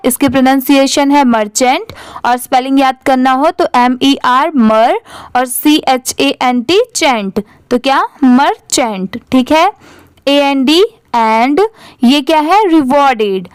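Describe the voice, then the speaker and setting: A woman's voice: high-pitched, smooth, dry recording. A woman teacher explaining English reading in Hindi. She spells each word out letter by letter, repeats it patiently and asks the class to say it after her.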